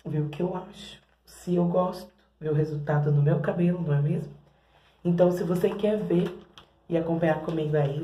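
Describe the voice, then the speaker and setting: A woman's voice: low-pitched, mellow, echoey room, low-quality recording. A Brazilian woman vlogging in her bathroom as she tests hair products, chatting to her viewers. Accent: Brazilian Portuguese. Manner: chatty, keeps addressing viewers as "gente". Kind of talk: casual product-testing vlog. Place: home bathroom.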